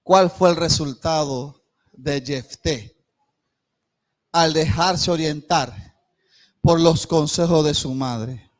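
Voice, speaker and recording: A man preaching a sermon in a church, swinging between loud calls and hushed asides and acting out the voices he quotes. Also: on the high side, slow pace, pauses often. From Panama. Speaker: pastor.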